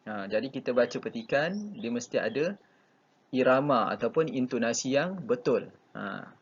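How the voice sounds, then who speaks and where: A man's voice: mid-range voice, breathy edge, dull audio. A man with a Malaysian Malay accent teaching a recorded online class, patient and repeating key phrases with many short fillers. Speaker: religious school teacher.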